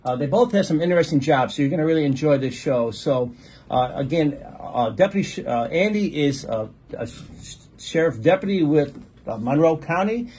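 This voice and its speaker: Mellow-voiced man hosting a gospel show. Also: fairly high pitch, lively intonation, normal speed, breathy edge, rough recording. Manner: friendly, joking, many fillers. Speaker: guest host pastor. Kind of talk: casual interview chat.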